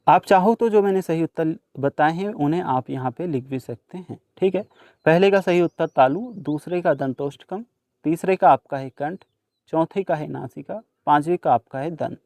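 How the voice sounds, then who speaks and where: This is a young man with a slightly high voice, teaching a workbook lesson and walking through each answer one at a time. He talks straight to his students, and the recording is dry and close, with no room sound around him. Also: moderate pace, darkish tone, no room sound. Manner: patient, explains each answer in turn, addresses students directly.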